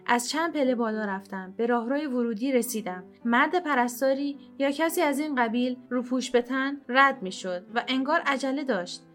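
A woman narrating a short story for an audiobook in a steady, expressive storytelling manner. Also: high-pitched, few pauses. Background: soft instrumental music.

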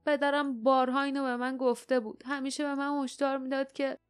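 A woman's voice: high voice, level tone, soft background music, pitched above the performer's own voice, close to an everyday voice. A woman reading the lines of a grieving, hot-tempered young male hero in an audiobook, in an urgent, strained way.

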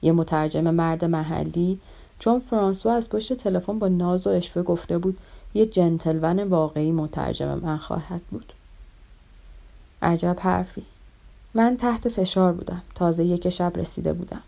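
A woman reading a novel aloud, voicing the dialogue in a soft, intimate storytelling manner. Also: fairly low pitch, gravelly. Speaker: audiobook reader.

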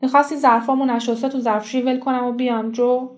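A woman reading the part of a chatty, quick-tongued village housewife in an audiobook story. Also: high-pitched, level tone, close to an everyday voice. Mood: flustered. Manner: chatty, teasing. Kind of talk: audiobook character voice.

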